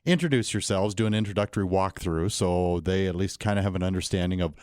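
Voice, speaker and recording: A male interview host with a fairly low voice that stays smooth and resonant. He asks long, rambling questions full of restarts. The recording is close and dry. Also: fast, a little mellow, no room sound. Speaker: radio show host. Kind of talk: interview hosting.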